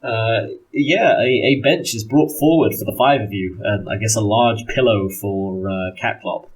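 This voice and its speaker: A man runs a tabletop roleplaying game as its narrator. His voice is fairly low and husky, and he moves slowly, leaving pauses between descriptive phrases. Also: rough recording. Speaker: game master.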